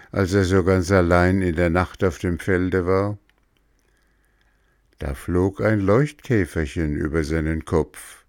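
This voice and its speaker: A man reading an old-fashioned children's story aloud in a measured narrating voice. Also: low-pitched, no echo.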